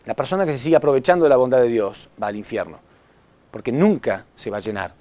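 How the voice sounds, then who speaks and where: A man preaching a sermon to a congregation, impassioned, swinging between loud appeals and hushed words, often asking the audience questions. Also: mid-range voice, expressive, quick pace. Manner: addresses audience with rhetorical questions.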